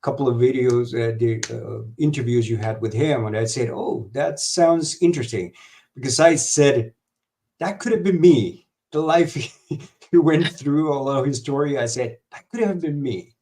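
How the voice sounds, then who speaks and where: Man, interview guest, halting delivery full of fillers, video-call mic. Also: mid-range voice, mellow, slight background noise. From Honduras. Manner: halting, many fillers and restarts. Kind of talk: live stream interview over video call.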